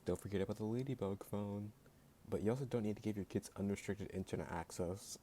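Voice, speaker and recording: This man's voice is lowish, fast and mellow, with a faint hiss or hum behind it. Ranting as a YouTube creator, he comes off sarcastic and blunt, leans heavily on "like," and sometimes sounds jittery.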